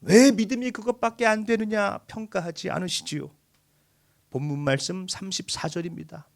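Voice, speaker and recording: Casting: male pastor, high voice, emotive sermon delivery that swings between hushed and pleading. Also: fairly even intonation, moderate pace, creaky. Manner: emotive preaching, voicing the grieving with raised pitch.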